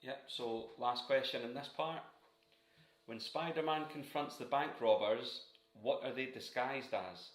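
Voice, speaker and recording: A man co-hosting a casual quiz, reading questions and tossing in quick jokey asides. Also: medium pitch. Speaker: quiz co-host. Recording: roomy echo.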